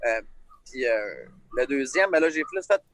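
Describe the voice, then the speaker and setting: Casual singer, male, strong Lac-Saint-Jean Quebec accent, loose and chatty, average pitch, close and dry. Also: unhurried, no echo. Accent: Lac-Saint-Jean Quebec French. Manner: relaxed, rambling storyteller. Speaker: singer, interview guest. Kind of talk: casual chat. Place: outdoors.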